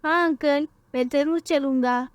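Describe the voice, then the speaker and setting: Lady doing a little bird kid, eager, squeaky high, cartoon story. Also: fairly even intonation, measured pace, no room sound. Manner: eager, whiny when scared. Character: young boy bird, trusting and eager.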